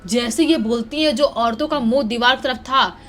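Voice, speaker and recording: Woman telling a horror story, slightly high. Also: normal speed, fairly bright tone, slight background noise. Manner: dramatic, building suspense. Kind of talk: told horror story narration.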